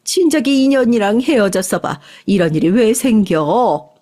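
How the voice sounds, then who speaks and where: A woman's voice: mid-range voice, moderate pace, close to an everyday voice. A woman doing a rude, snobbish mother-in-law. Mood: outraged. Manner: insulting, shouting.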